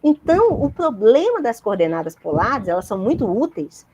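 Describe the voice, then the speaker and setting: A woman's voice: a little high, sing-song, moderate pace, darkish tone, a little hiss or hum. A woman giving a university physics lecture, explaining step by step and checking in with her students.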